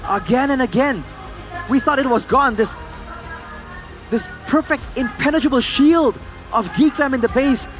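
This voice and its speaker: A man's voice: extremely high pitch, a bit bright. A man giving color commentary on an esports match, emphatic and dramatic. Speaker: esports caster.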